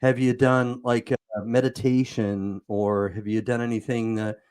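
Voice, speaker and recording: Male show host, mid pitch, hesitant and wordy delivery over a video call. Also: little pitch movement, measured pace, darkish tone, clear, resonant tone. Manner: rambling, hesitant, many fillers. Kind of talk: casual interview talk.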